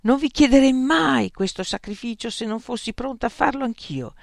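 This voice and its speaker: A narrator voicing Arrow, an indignant, sharp-tongued heavy woman who asks cold, cutting questions in a storybook reading. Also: mid-range voice, moderate pace, vocal fry, no room sound, studio quality, voice pushed up, lightly acted. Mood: accusing.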